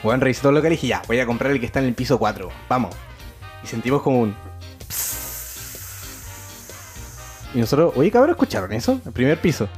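A man's voice: medium pitch, racing, soft background music. A young man with a Chilean accent telling a story in a casual chat, full of slang and acted-out outbursts. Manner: animated storyteller, heavy slang, acts out scenes with loud outbursts. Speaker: podcast co-host.

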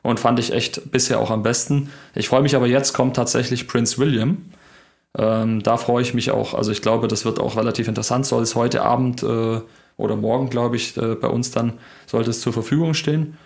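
A man's voice: medium pitch, steady tone, brisk, creaky, darkish tone. A man co-hosting a casual tech podcast, explaining with enthusiasm. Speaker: podcast co-host.

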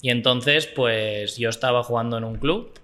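A man in his twenties from Barcelona with a Spanish accent, talking about football coaching as a podcast guest in a relaxed, thoughtful way. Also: medium pitch, normal speed, clear, resonant tone. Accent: Spanish from Spain. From Barcelona, Spain. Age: 20s. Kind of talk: casual interview chat.

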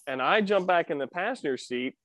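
A man with a fairly high voice tells a story with a friend, eager and quick to jump in and set details straight. The sound is close and dry, with no room around it. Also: no room sound. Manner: lively, eager storyteller, jumps in to correct. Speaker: podcast guest. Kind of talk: casual storytelling chat.

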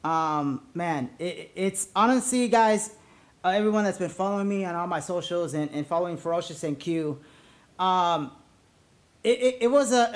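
A man hosts a podcast in a casual, rambling way. His talk is informal and slangy, aimed straight at his followers and guest. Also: sits high. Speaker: podcast host. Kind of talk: casual, rambling host chat.

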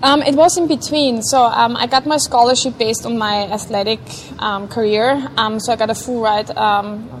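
A woman in her late thirties talks as an interview guest, her voice sitting a little higher than most. She speaks thoughtfully and haltingly, with frequent pauses, and a faint hum of room noise sits underneath. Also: fairly even intonation. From Vienna, Austria. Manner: hesitant, thoughtful, many pauses. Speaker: guest, neuroscientist. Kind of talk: casual interview chat.

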